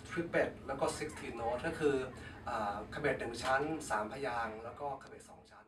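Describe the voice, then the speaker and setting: A man's voice: mid-range voice, moderate pace. A man teaching guitar rhythm, counting beats aloud patiently with many hesitation fillers. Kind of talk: guitar lesson. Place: music school room. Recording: echoey, distant mic, noisy. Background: guitar playing.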